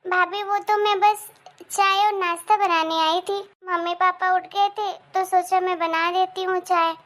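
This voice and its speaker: A woman's voice: extremely high pitch, measured pace. Woman voicing a chatty young sister-in-law. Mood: excited. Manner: chatty, excited storytelling. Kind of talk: animated storybook voice acting.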